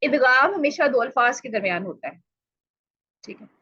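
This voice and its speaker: Bright-voiced woman teaching Quran recitation. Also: high-pitched, animated, breathy edge, no echo, dull audio. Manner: explanatory, asks and answers own questions, drawn-out example words. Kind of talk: online tajweed lesson.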